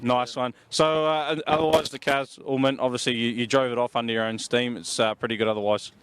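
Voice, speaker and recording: A man's voice: medium pitch, level tone, brisk, a bit bright. Matey man with a broad Kiwi accent. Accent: New Zealand. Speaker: pit-lane interviewer. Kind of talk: casual interview chat. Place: outdoors in speedway pits. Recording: outdoor recording with faint vehicle noise.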